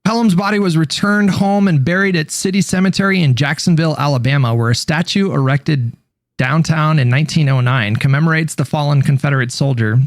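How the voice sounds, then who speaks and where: A man tells a story casually in a halting, informal manner, swearing now and then and sometimes reading aloud. His voice is a little high, and there's no room sound.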